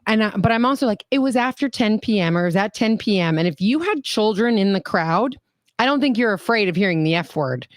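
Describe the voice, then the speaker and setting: A woman's voice: medium pitch, expressive, brisk, no room sound, clean studio sound. A woman co-hosting a podcast, talking in blunt, joking casual chat. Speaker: podcast co-host.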